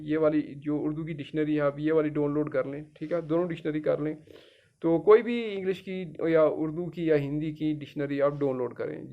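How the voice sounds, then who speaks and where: A gravelly, slightly high-voiced middle-aged man from Jammu and Kashmir walks his students through a tutorial one step at a time. He talks patiently and repeats himself, checking often that they follow. The recording sounds dull and lo-fi. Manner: patient, repetitive, keeps checking with "theek hai". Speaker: teacher. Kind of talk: screen-guided tutorial.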